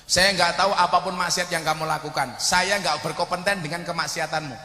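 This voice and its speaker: A man with a Javanese accent preaching a humorous sermon, telling animated stories and shouting out his punchlines. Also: fairly high pitch, fairly quick, soft background music. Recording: echoey hall reverb.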